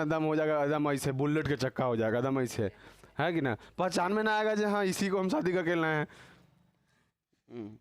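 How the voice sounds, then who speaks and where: Teasing teacher, dry sound. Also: male voice, on the high side, dry recording. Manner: teasing, questioning students with "है कि नहीं?". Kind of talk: casual classroom lesson.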